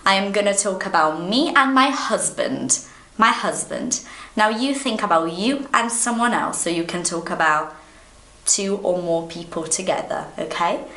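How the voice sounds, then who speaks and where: Slow, patient Brazilian woman teaching English. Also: mid-range voice, animated, bright, forceful tone. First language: Portuguese. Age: 30s. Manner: slow, patient and encouraging, speaking straight to the viewer. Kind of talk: online English lesson. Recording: echoey room.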